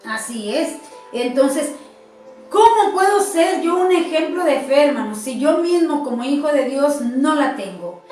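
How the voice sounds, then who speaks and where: A woman in a church talk, telling testimonies with animated storytelling and repeating words for emphasis. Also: high voice, unhurried. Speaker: church speaker. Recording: echoey room, distant mic, soft music.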